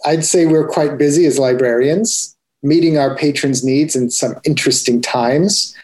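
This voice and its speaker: A man's voice: on the high side, moderate pace, darkish tone, a little hiss or hum. A man co-hosting a podcast, talking in an easygoing, chatty way with a few restarts. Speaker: podcast co-host. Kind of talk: casual chat.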